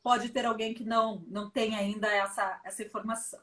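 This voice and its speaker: Higher-voiced woman hosting an interview. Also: level tone, brisk, a bit bright. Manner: brief affirming interjections. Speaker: host interviewer. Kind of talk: live interview.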